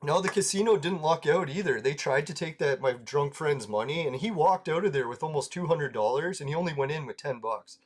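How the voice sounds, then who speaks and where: A man's voice: fairly high pitch, a little fast, few pauses. A man chatting casually over gameplay, rambling through anecdotes, laughing often and swearing freely. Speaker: gaming video creator.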